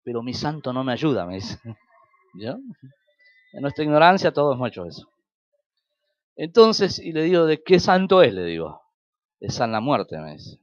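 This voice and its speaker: A man's voice: medium pitch, very animated, normal speed, pauses often, no room sound, highs cut off. A man with an Argentine Spanish accent preaching a sermon as pastor, telling stories and acting out quoted dialogue with sudden rises and drops.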